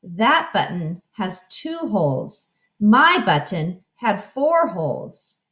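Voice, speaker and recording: A woman's voice: mid-range voice, very animated, slow pace, a bit bright, roomy sound. A woman voicing a grumpy, fretful male toad who whines out complaints in a children's storybook read-aloud. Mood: disappointed. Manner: whiny, exclaiming complaints.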